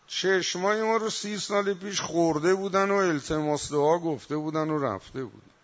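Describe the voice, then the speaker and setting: A man preaching with dramatic outbursts, dull recording. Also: fairly high pitch. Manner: dramatic, swings between soft asides and loud emphatic recitation. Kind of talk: religious sermon with Quranic recitation.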